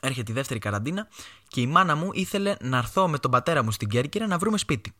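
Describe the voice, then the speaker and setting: A young Greek man hosting his own podcast, telling casual stories and acting out his family's voices. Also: medium pitch. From Greece. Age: young adult. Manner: animated, acts out his mother's voice in quoted lines. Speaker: podcast host. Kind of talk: casual storytelling monologue.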